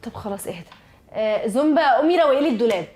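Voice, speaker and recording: Rapid-fire egyptian wife, anxious and soothing, high-ish voice played by a woman. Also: expressive, a little mellow, slight background noise, natural voice. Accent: Egyptian Arabic. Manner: soothing, placating. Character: young wife, anxious and eager to please. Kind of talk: TV comedy series acting.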